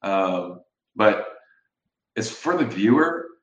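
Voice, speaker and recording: A man talking as a guest over a video call, casual and halting, often restarting his sentences. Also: on the low side, sing-song, roomy sound, muffled recording. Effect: heard over a video call. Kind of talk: casual chat.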